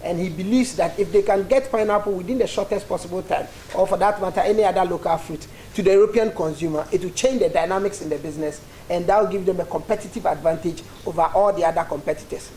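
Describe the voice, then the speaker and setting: Brief: company spokesperson, mid-pitched, steady and explanatory, with light background hiss. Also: rough recording. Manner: measured, with frequent ums. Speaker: factory representative. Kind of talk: guided tour explanation.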